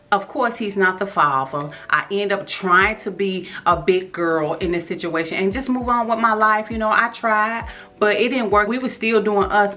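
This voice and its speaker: A woman tells her life story straight to her viewers. She talks in an animated, slangy way. Her voice is bright and sits at a middle pitch. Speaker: vlogger. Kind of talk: storytime vlog.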